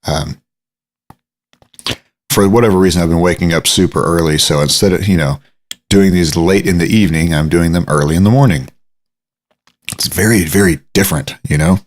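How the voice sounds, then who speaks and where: A man hosting his solo podcast early in the morning, in a groggy morning voice, rambling and poking fun at himself. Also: low voice. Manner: rambling, self-mocking, drawn-out asides. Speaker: podcast host. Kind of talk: casual solo podcast monologue. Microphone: studio microphone.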